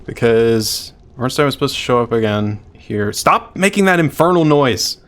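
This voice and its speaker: A deep-voiced man streams a video game, chatting casually, thinking out loud, and swearing freely. He is expressive and speaks at a moderate pace.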